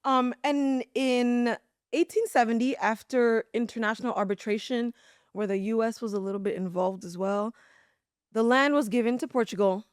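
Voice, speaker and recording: Brief: young woman host, dramatic storytelling, slightly high voice, dry close sound. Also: normal speed, no room sound. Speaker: podcast host. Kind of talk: casual chat and storytelling.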